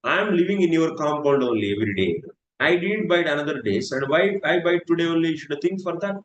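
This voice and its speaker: A man's voice: on the high side, lively intonation, brisk, dull audio, a little hiss or hum, natural voice. A man doing a reproachful grieving father. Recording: echoey room.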